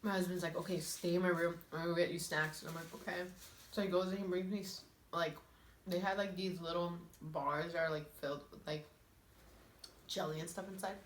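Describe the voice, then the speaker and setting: A woman's voice: lowish voice, steady tone, a little fast. A young woman in her twenties chats through a storytime while eating, full of "like" and laughter. Her voice sits in the middle of the range. The room is echoey, with a faint hum of ambience behind her. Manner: chatty, laughing, says "like" constantly. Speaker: mukbang vlogger.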